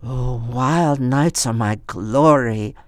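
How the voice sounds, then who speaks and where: A reader voicing an eccentric, cheerful, bossy very old woman in a high, fussing storybook voice. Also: slow, no echo, studio quality, close to an everyday voice. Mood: chirpy.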